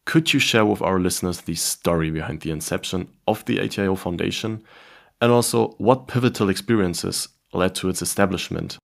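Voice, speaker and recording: A man's voice: sits low, a little fast, creaky. A man hosting an interview podcast, asking formal, scripted-sounding questions. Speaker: podcast host.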